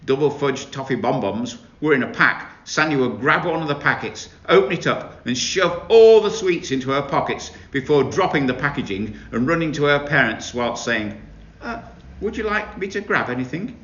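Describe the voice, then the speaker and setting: A man reading children's competition stories aloud with expressive storytelling. His voice rises and falls a lot. The recording is roomy and a little dull. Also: medium pitch, moderate pace, few pauses.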